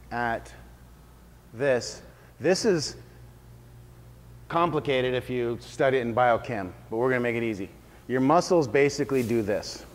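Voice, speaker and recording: A man working as a fitness trainer, giving an informal workshop talk to a group in a casual, explanatory way and checking in with his listeners. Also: medium pitch. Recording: reverberant hall sound.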